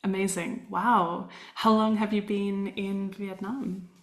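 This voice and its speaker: A podcast host conducts a conversational interview, asking curious, reflective questions and thinking aloud. She speaks slowly in a mid-range voice with a level tone. There's a roomy echo and faint music in the recording.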